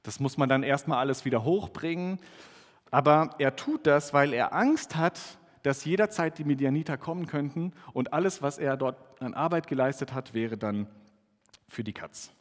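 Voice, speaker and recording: A man's voice: medium pitch, moderate pace, in a large hall. A man reading scripture and preaching a sermon in a church, explaining in a conversational way. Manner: explanatory, conversational, some restarts.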